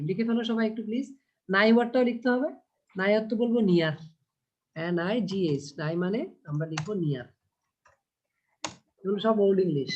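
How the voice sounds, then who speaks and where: A man teaching an online class, explaining patiently and reading lines slowly. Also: high voice, a little mellow. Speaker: English teacher. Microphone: video call. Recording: dull lo-fi video call audio.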